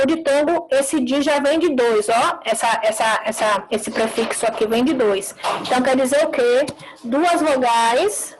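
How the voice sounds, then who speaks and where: A woman teacher giving a live online class, explaining slowly, repeating words and checking with short tag questions. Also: high-pitched, a little hiss or hum, poor audio.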